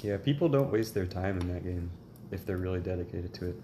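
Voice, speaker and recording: A young man in casual podcast chat, teasing his friend in a dry, deadpan way. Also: low voice, fairly quick. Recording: echoey room with faint ambient noise.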